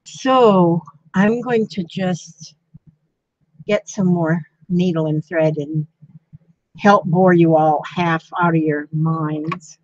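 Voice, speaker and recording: Older woman, craft streamer, slow unhurried chat, dry dull-sounding home mic. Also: lowish voice, darkish tone, dry recording. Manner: chatty, gushing thanks to viewers with frequent gasps. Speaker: craft livestream host. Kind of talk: casual live-stream chat while sewing.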